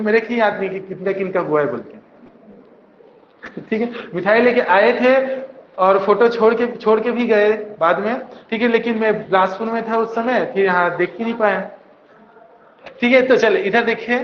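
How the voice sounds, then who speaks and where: A man's voice: high-pitched, a little hiss or hum. A man teaching a coaching class, drilling students with mnemonics in call-and-response. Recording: dull echoey classroom recording.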